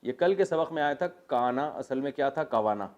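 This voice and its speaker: A middle-aged man, teaching Quranic Arabic grammar. He spells out word forms slowly, repeats them, and drops in joking asides. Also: mid-range voice, animated, lo-fi sound. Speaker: religious teacher.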